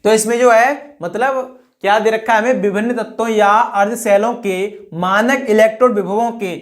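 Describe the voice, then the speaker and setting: A woman's voice: fairly high pitch, fairly even intonation, moderate pace. A woman teaching a chemistry exam-prep lecture who keeps asking rhetorical questions, repeating each answer and padding her sentences with "I mean" and "that is". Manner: fills speech with 'I mean' and 'that is'.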